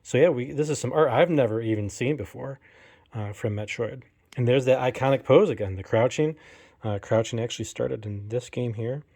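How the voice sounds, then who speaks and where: A man's voice: medium pitch, moderate pace, vocal fry, a little mellow. A man in his thirties chatting casually to camera while unboxing collectibles, full of fillers and self-deprecating jokes, filming on a handheld phone at home. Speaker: collector vlogger. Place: home game room. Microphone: phone camera held in one hand.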